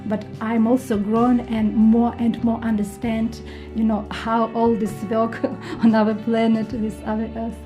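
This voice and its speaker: A woman from Ukraine with a Ukrainian accent, a guest healer answering radio interview questions in halting non-native English with many pauses and ums. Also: fairly high pitch, completely flat delivery, music in the background. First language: not English.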